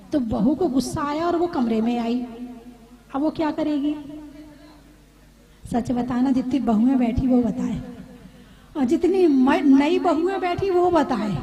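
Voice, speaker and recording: A woman preacher giving a sermon to a seated audience, repeating her points and asking listeners questions. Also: sits high. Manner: repetitive, asks the audience questions. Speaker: Jain preacher. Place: live gathering with seated audience.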